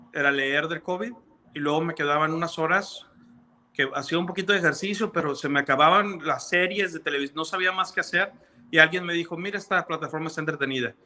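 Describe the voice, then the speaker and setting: Speaking with a slightly high, sharp-toned voice, a man from Mexico appears as a physician guest on a video-call interview. He explains earnestly in a Mexican Spanish accent, filling his speech with lots of fillers.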